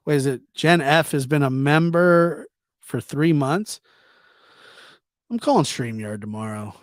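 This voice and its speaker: This is a man with a fairly high-pitched voice, hosting a livestream where he casually reads viewer comments and answers them, teasing in an informal way and often repeating himself. The recording is dry and studio quality.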